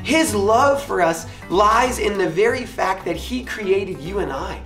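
A man's voice: sits high, expressive, unhurried, fairly bright tone, recorded from a distance, soft background music. Upbeat pastor man in an echoey room. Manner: upbeat, earnest, encouraging. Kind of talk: youth sermon talk.

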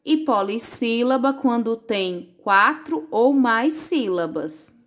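A woman teacher slowly reading out a lesson for young children, stretching words clearly. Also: on the high side, lively intonation, a bit bright. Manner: slow, clear, drawn-out words for young pupils.

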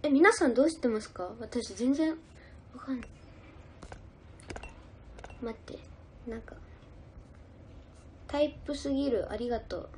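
A woman's voice: on the high side, lively intonation, a little slow, pauses often, a little hiss or hum. A young woman idol chatting casually on a livestream, giggling as she reads out and answers viewer comments. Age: young adult.

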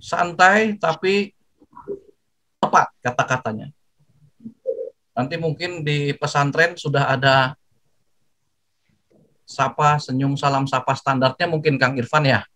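An older man giving a lively, jokey talk to students, acting out greetings as he goes. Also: fairly high pitch, slow, long pauses, poor audio. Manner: jokey, animated, acts out greetings. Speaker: guest speaker.

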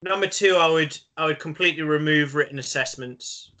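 A man's voice: fairly high pitch, brisk, sharp tone. A man who is a secondary school teacher, talking as a guest in a casual conversation, thoughtful and self-deprecating, repeating words as he thinks.

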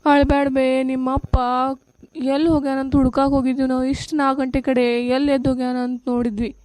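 A woman's voice: high voice, little pitch movement, fast, a little mellow, dry recording, close to an everyday voice. A woman voicing a worn-out village mother with a North Karnataka Kannada accent, pleading and scolding about her drinking husband in a cartoon. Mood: worried. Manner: pleading, scolding, weary complaint. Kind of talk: cartoon voice acting.

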